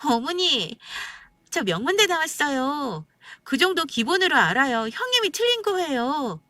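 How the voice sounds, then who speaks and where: Condescending young sister-in-law voiced by a woman for story radio; high, sing-song, insistent. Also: very animated, normal speed, pushed and bright, dry recording, full character voice. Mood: smug, insistent. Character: smug young sister-in-law who brags about her degree.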